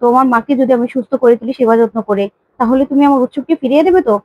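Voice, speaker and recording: A woman's voice: high-pitched, racing, no echo, dull audio. A woman voicing an indignant elderly grandmother who complains and questions.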